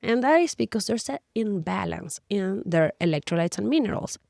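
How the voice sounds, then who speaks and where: A woman's voice: medium pitch, lively intonation, normal speed, gravelly, darkish tone, no room sound, studio quality. A middle-aged woman, a native Spanish speaker with a Spanish accent, explains things as a nutrition coach in emphatic, conversational, Spanglish-tinged English. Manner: non-native English with Spanglish word slips; emphatic, conversational, addresses listener directly. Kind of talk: explanatory talk to camera.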